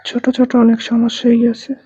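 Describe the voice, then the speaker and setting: A woman patient in a healing session, answering in short, quiet replies as the spirit said to possess her. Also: on the high side, monotone, normal speed, heavy background noise. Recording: tinny phone-like recording.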